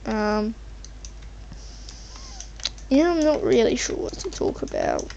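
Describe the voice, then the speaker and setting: A woman's voice: a little high, lively intonation, slow, gravelly, dark tone. A woman casually rambling over her gameplay as a channel host, hesitant and meandering as she thinks aloud. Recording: muffled mic with faint background noise, keyboard typing.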